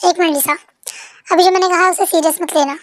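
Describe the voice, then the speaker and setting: A woman's voice: very high-pitched, fairly even intonation, fairly quick, no echo. A woman voicing a cool, teasing young man in a fan-dubbed story, smug and dismissive.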